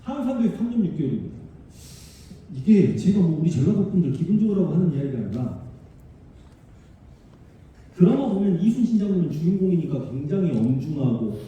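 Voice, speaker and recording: A man from the Honam region of Korea giving a public history lecture, animated and emphatic, talking directly to the audience in a large civic auditorium. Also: on the high side, a little fast, long pauses, lo-fi sound. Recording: distant, very echoey hall sound.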